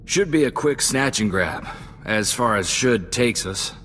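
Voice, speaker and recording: In this cutscene dialogue, the same kind of loyal, earnest sidekick from a space adventure talks with folksy, reflective plainness. The man's mid-range voice is animated yet measured in pace and close to an everyday voice.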